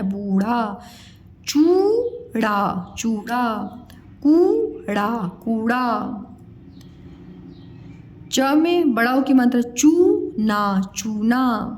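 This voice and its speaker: A woman teaching children to read, stretching each syllable slowly and coaxing the learner as a child, then explaining quickly. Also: a little high, darkish tone. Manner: calls the learner beta, coaxing tone. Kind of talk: Hindi phonics lesson for children.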